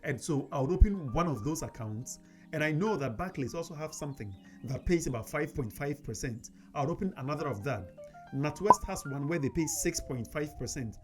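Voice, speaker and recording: A man's voice: on the high side, expressive, fairly quick. A man hosting a personal finance video, talking casually to camera with frequent "you know" fillers. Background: faint background music.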